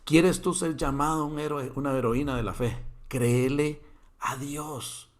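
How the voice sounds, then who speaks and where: Male pastor preaching, lively storytelling, lots of questions to the crowd. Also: fairly high pitch, measured pace. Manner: animated storytelling with rhetorical questions. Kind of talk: sermon.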